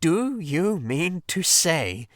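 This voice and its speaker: Loud impatient rat, a man voicing him, pushy and emphatic, voice jumps around. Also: high voice, very animated, takes it slowly, no echo, studio quality, pitched above the performer's own voice, heavily acted. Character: impatient, excitable male water rat.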